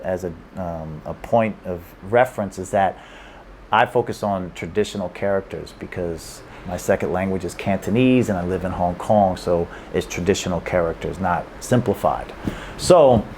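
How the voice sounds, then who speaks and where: In a Hong Kong room, a man with a low, slightly mellow voice talks at normal speed, with a faint hiss or hum in the background. He offers casual language-learning tips to the camera, rambling, repeating himself, restarting often and chuckling.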